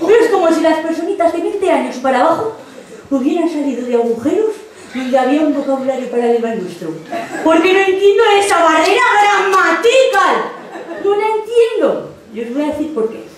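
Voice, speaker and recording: Young spanish woman doing stand-up, sarcastic and animated, high voice, echoey hall, mic far off. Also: brisk. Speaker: youth group monitor doing a monologue. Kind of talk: stand-up comedy monologue. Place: theatre stage with live audience.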